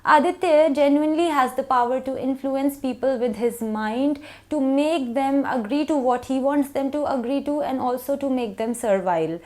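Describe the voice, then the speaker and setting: High-voiced young woman reviewing a book. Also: moderate pace, hardly any pauses. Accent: Indian English. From India. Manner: earnest, even explaining tone with frequent "so" openers.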